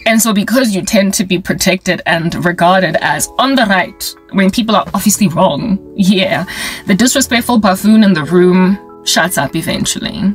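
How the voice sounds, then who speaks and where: A South African woman in her forties talking to camera in a casual, wry monologue. She is animated and playful, and she mixes in sound effects and phrases from local languages. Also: medium pitch. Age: 40s. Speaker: vlogger and ministry creator.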